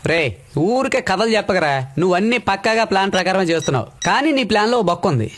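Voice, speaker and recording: An actor playing a comic man who complains quickly and whinily in film dialogue. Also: sits high, expressive, slight background noise. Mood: bickering. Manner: fast, whiny, complaining. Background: film score music.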